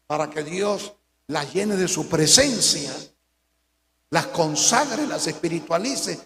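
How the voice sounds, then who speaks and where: Male pastor preaching, high voice, goes quiet then yells, big echoey church hall. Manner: preaching with swings from hushed to shouted. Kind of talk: sermon.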